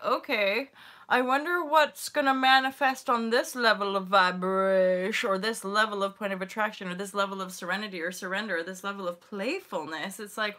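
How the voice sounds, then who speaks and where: A woman's voice: medium pitch, sharp tone. A woman hosting her own live stream, chatting casually in a giddy, rambling way, swearing freely and saying "like" often. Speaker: channel host and founder.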